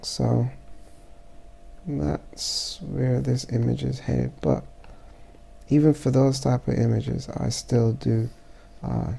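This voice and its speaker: A man with a stuffy, congested voice narrating a casual photo-editing tutorial as he works, halting and thinking aloud. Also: medium pitch, expressive, gravelly, dark tone, husky. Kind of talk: casual software tutorial voice-over.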